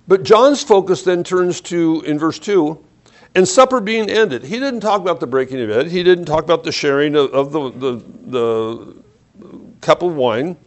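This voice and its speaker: A man's voice: animated, normal speed. Man preaching a reflective sermon. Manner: reflective, varies pace and loudness, drops low on key points. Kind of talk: sermon with scripture reading.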